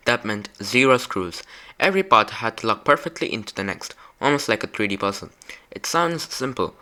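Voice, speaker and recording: A young man narrates a scripted student project presentation. His voice sits a little low and has a bright, forceful edge. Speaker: student robotics builder presenting own project.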